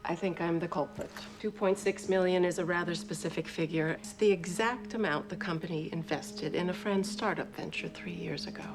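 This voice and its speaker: A poised, middle-aged wealthy woman played by an actress in a television drama. She speaks in a composed, formal manner with a slightly low voice. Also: steady tone, a little fast, hardly any pauses, natural voice. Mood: composed, reassuring. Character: poised, smooth-talking wealthy businessman's wife, middle-aged.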